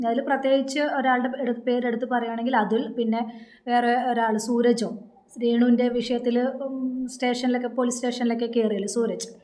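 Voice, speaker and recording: Woman, vlogger, scolding rebuttal, rhetorical questions, rapid talk, echoey room. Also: on the high side, level tone, darkish tone. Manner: scolding, addresses the rival directly with repeated rhetorical questions. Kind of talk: confrontational direct-to-camera rebuttal. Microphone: phone.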